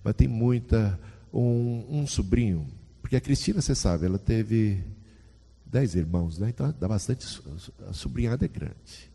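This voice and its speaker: A man gives a sermon, chatting with the congregation and asking them questions. His voice is mellow and a little husky. It rings with the long echo of a church hall. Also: fairly low pitch, lively intonation, normal speed. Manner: conversational, asks the audience questions. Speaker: preacher.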